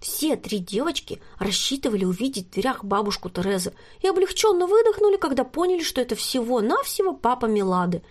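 A woman narrating a children's storybook in a lively, expressive reading. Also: fairly high pitch, a little fast, hardly any pauses. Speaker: reader.

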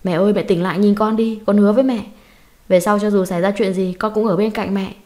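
A woman's voice: mid-range voice, steady tone, fast, warm tone, lightly acted. A woman voicing a young man who is desperate and angry at his mother's bedside. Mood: pleading.

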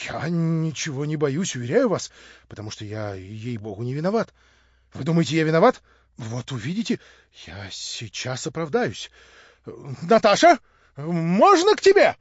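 A man voicing an excitable, eager young man who pleads in high, loud exclamations. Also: moderate pace, husky, no room sound. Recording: dull dry lo-fi recording.

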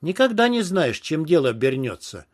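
A man's voice: fairly high pitch, very animated, moderate pace. Man doing a jittery young henchman, hesitant, mumbling, deferential, audiobook. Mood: uneasy. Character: stooped nervous young male henchman.

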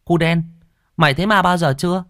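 A man's voice: on the high side, fairly even intonation, a little fast, a bit bright, dry recording, studio quality, voice pushed up, natural voice. A man voicing a sly, boastful twelve-year-old village boy who chatters in a conspiratorial, defensive way in a spoken ghost story. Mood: excited.

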